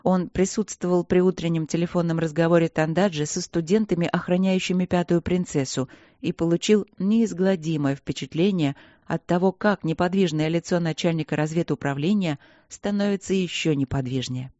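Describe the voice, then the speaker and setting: An audiobook reader giving an even, measured scripted narration. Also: mid-range voice, no echo, lo-fi sound.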